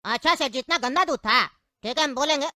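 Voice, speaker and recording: High quick woman in a comedy skit, music going behind. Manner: pleading and making excuses, then arguing back loudly. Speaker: comedy sketch actor. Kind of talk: comic sketch acting.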